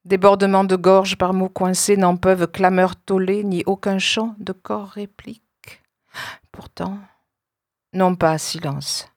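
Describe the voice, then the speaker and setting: Low-voiced woman reciting poetry. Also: darkish tone, no echo, clean studio sound. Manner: deliberate, incantatory recitation in fragmented phrases. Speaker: poet. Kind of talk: spoken-word poetry recitation.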